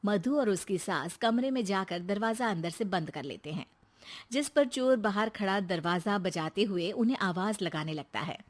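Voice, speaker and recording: A woman's voice: mid-range voice, animated, normal speed. A woman reading a scripted comic family story as its narrator.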